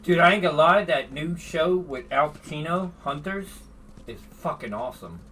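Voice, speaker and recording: A man streaming a video game, chatting casually in a rambling, excitable way and swearing often. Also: on the high side, normal speed, recorded from a distance, noisy background. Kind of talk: casual chat while gaming.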